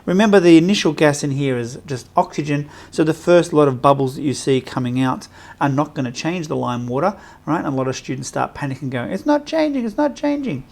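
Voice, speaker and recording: A man's voice: fairly high pitch, fairly quick, gravelly, darkish tone. A man teaching a recorded chemistry lesson, explaining a lab setup in a conversational way, with fillers and questions to the students.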